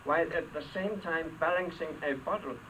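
A man's voice: fairly high pitch, brisk. An older man from Denmark with a Danish accent gives a humorous luncheon speech, telling stories in a dry, wry way with comic asides. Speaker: after-dinner speaker. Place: hall with a live audience. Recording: distant mic, clear background noise.

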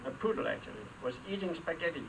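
A man's voice: fairly high pitch, animated, quick pace. Older Danish man, dry comic speech. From Denmark. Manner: dry, wry storytelling with comic asides. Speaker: after-dinner speaker. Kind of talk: humorous luncheon speech. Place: hall with a live audience. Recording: distant mic, clear background noise.

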